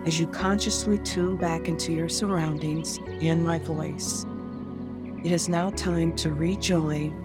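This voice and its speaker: Slow, soothing woman guiding a meditation. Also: low-pitched. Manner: soothing, unhurried, pausing between short phrases. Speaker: podcast host. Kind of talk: guided meditation narration, like a sleep story. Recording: new-age music behind the voice. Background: calm new-age music.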